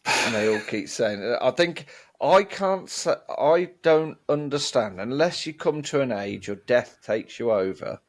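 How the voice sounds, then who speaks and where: A man's voice: mid-range voice, expressive, unhurried. Podcast co-host, male, wry rambler who hedges everything, easygoing music chat.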